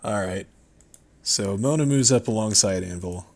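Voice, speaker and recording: A man's voice: on the low side, normal speed, a little mellow. A man playing a tabletop role-playing game, tentatively thinking aloud about his moves. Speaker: player. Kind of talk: casual tabletop game play.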